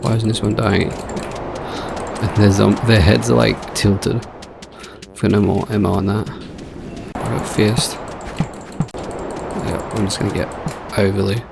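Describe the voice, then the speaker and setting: A man's voice: on the low side, little pitch movement, unhurried, long pauses. A young man hosting a channel, casually talking through a screen-recorded game test and thinking aloud as he plays. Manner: laid-back, thinking aloud while playing. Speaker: channel host testing AI models. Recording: home recording with clear background noise.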